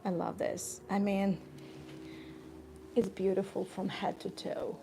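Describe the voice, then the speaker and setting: A woman's voice: mid-range voice, little pitch movement, slow, vocal fry, background noise. A woman guide chatting casually and thankfully on a live stream from a cozy café, laughing often and stumbling over her words. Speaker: tour guide vlogger. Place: cozy indoor garden café.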